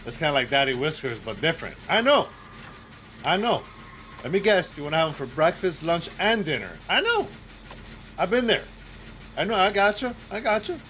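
A man streaming a game, chatting casually with viewers and teammates and bursting into loud exclamations and cursing. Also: on the high side, very animated, a little fast, slight background noise. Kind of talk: casual live gaming commentary.

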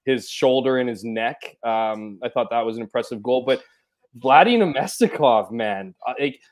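A man's voice: medium pitch, lively intonation, normal speed. A man, chatting casually about hockey on a video call, rambling with many restarts. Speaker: podcast co-host. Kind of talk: casual sports chat.

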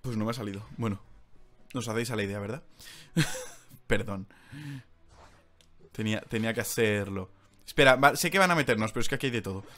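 A young man with a Spain Spanish accent, streaming live gameplay commentary, excitable, swinging from loud outbursts to low mutters. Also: brisk, pauses often.

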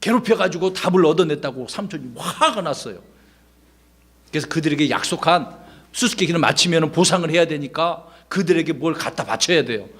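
A middle-aged male pastor giving a children's Sunday school sermon, telling the story with lively questions to the kids. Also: on the high side, fairly quick, breathy edge. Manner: animated storytelling, quizzing children.

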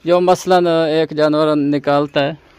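Persuasive Pakistani livestock presenter. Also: male voice, fairly high pitch, flat delivery, slow, a little mellow, smooth, no room sound. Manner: persuasive, addresses viewers as friends. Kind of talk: sales presentation to viewers. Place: outdoors at a farm.

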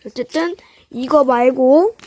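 A woman's voice: high-pitched, slow pace, darkish tone. A woman hosting a casual eating vlog, talking to viewers in a polite, simple way. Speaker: host of a snack eating video. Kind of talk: casual mukbang vlog talk.

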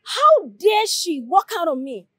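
A woman's voice: extremely high pitch, sing-song, a little slow, fairly bright tone, exaggerated voice. A young woman, playing a bossy, haughty senior prefect who scolds and gives orders. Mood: furious. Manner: commanding, scolding.

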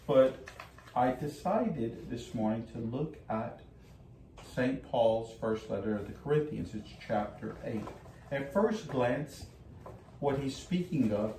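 An older man speaks as a priest at a service, reading and reflecting. His voice is soft-edged and mellow. It carries with clear room echo, picked up from a distance. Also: medium pitch. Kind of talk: liturgical gospel reading and homily. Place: small wood-panelled chapel. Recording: echoey room, distant mic, faint noise.

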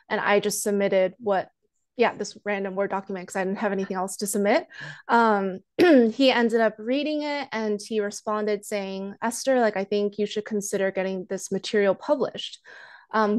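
A woman in her thirties, a guest author and counselor, talking casually on a video call through an earphone mic from her living room, soft-spoken and self-deprecating with many ums. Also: medium pitch. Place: living room at home, indoors. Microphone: earphone headset mic on video call.

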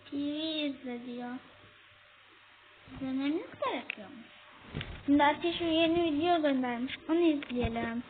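A young gamer with a high voice chats with viewers and scolds an in-game baby while playing a horror game, speaking at a moderate pace with long pauses in casual commentary. The recording sounds tinny and phone-like, with faint noise.

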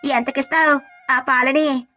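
A shrill, nosy village gossip, as a woman puts her on. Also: steady tone, a little slow, pushed and bright, soft background music. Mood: eager.

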